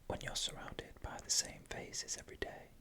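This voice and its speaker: Someone whispering creepy bedtime stories asmr style, all breath no voice, kinda crisp and bright. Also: normal speed. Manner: hushed, unvoiced whispering throughout. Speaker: storyteller.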